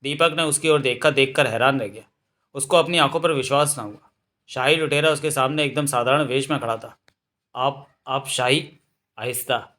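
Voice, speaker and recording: A man reading a novel aloud as narrator, in a steady storytelling manner, correcting an occasional slip. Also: medium pitch, fairly quick.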